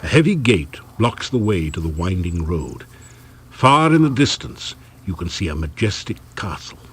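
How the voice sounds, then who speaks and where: An actor playing the storyteller of an adventure game, giving measured, wry scripted narration. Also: male voice, low-pitched, very animated, breathy edge, exaggerated voice. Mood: wry, descriptive.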